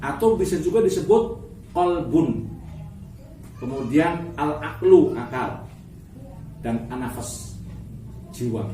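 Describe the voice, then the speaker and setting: Higher-voiced man teaching in an echoey space. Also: lively intonation, slow, pauses often, warm tone. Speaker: interviewed religious teacher. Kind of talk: explanatory religious talk. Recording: echoey, noisy, distant mic.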